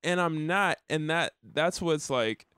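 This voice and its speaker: A man's voice: on the high side, animated, slow, pushed and bright, smooth, no room sound, studio quality. A young man, a musician and countertenor, chatting casually and rambling with lots of restarts and laughs. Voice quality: countertenor singer. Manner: rambling, laughs often, many likes and restarts. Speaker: musician and podcast host. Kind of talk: casual chat.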